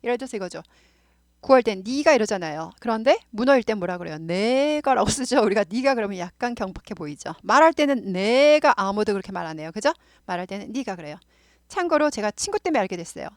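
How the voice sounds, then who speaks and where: A woman's voice: medium pitch, animated, fast talker, no echo, studio quality. A middle-aged woman with a Seoul accent, explaining English grammar in a casual, chatty lesson, repeating points and drifting into asides. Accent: Seoul Korean. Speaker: English teacher.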